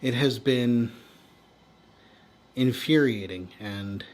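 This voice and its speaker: A man's voice: mid-range voice, very slow. An American man in a candid, unscripted rant, sounding worn out and weary, speaking frankly and trailing off. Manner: exhausted, weary, sighing and trailing off; frank, swearing. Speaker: vlogger venting personal frustrations.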